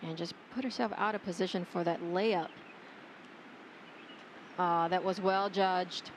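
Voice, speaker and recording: A woman's voice: fairly low pitch, fairly even intonation, measured pace. Woman analysing golf over faint background noise. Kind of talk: live golf commentary and analysis.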